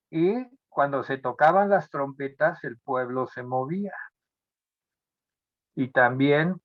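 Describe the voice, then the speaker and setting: A man preaching a sermon as pastor, speaking deliberately and often repeating phrases or restarting words. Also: medium pitch, no room sound. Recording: dull lo-fi sound.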